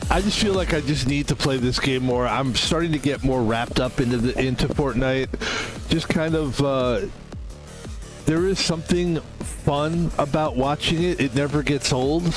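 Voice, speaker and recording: A man's voice: medium pitch, moderate pace, over music, low-quality recording. A man in his fifties chatting casually as a game streamer, rambling and interrupting himself. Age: 50s. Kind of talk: casual gaming stream chat.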